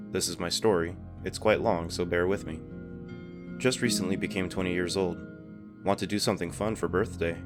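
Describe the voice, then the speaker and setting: A man calmly narrating a scripted horror story in an unhurried storytelling manner. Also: low voice. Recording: narration over clear background music.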